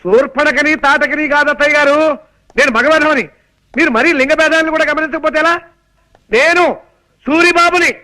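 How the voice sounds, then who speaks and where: A man's voice: very high-pitched, fairly even intonation, a little fast, rough recording. A young actor playing a harried suitor who raises his voice for a deaf older relative in a film comedy. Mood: exasperated. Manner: wry, exasperated, loud when explaining.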